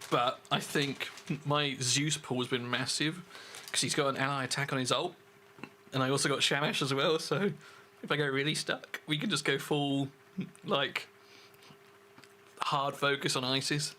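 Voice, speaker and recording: A man's voice: medium pitch, steady tone, moderate pace, pushed and bright, slight background noise. A man streaming a game, chatting casually with viewers and answering their questions as he plays. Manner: chatty, reads and answers chat while playing. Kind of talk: casual gaming livestream commentary.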